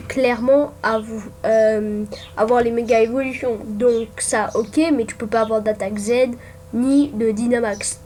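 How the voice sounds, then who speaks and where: A woman's voice: on the high side, a little mellow. A young woman giving casual commentary while making a ranking on her computer, hesitant with many fillers and restarts. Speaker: gaming YouTuber. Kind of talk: casual screen-recorded commentary. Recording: faint background noise with keyboard typing.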